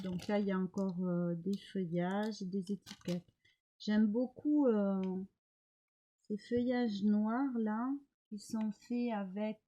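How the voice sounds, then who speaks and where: Slow, hesitant middle-aged woman. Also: mid-range voice, warm tone, rough recording. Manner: hesitant, many pauses and fillers. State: recovering from illness. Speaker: crafting vlogger. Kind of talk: casual show-and-tell of mail.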